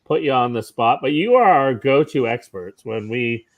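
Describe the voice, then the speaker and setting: A man's voice: mid-range voice, lively intonation, normal speed, muffled recording. A man co-hosting a casual chat show, friendly as he thanks and welcomes guests. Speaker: co-host.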